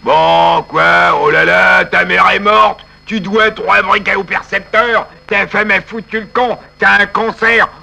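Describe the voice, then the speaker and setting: A man's voice: sits high, takes it slowly, creaky, sharp tone, heavily acted, low-quality recording. A man voicing a tactless fellow who mocks and fusses over a weeping friend in a comic sketch. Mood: blunt. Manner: bossy, mocking, fussing.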